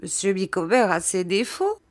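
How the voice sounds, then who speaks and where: A woman reading an audiobook, voicing a distraught, devoted middle-aged wife who declaims in a high, tearful voice. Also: very animated, moderate pace, natural voice. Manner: declaiming, rising to cries.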